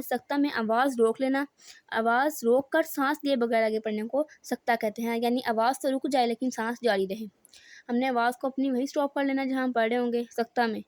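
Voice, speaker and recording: A woman with a Pakistani Urdu accent teaches Quran reading to beginners. She explains each rule patiently and then recites the words slowly and deliberately. Her voice sits slightly high, recorded close with a dry, dead sound. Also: no room sound. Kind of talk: step-by-step recitation lesson.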